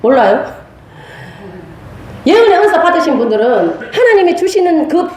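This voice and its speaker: A woman, a pastor's wife, teaching a church class on prophecy, telling stories in a lively way and laughing often. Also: extremely high pitch, moderate pace, slight background noise. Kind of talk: church lecture with storytelling. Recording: very echoey room.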